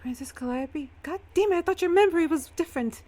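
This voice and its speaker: A woman game master voicing a sharp-tongued woman with a high, sugary tone. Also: fast. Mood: falsely sweet.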